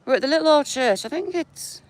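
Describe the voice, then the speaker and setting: A woman's voice: sits high, lively intonation, brisk. A woman with a northern English accent, chatting to her viewers by name while walking outdoors in the countryside. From England. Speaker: vlogger. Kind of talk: casual live-chat walk vlog.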